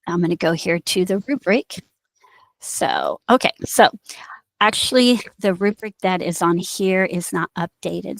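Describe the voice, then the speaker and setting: A middle-aged woman with an Indiana accent and a lowish voice explains a course module as an instructor in a recorded online lecture, with fillers and restarts. She speaks into a headset in a small office with bookshelves, with no echo, though the recording quality is low.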